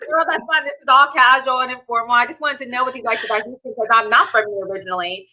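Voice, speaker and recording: Bubbly woman host, bright voice. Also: on the high side, quick pace, low-quality recording. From Pittsburgh. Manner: bubbly, laughs often, rambling restarts. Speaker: livestream show host. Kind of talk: casual interview chat.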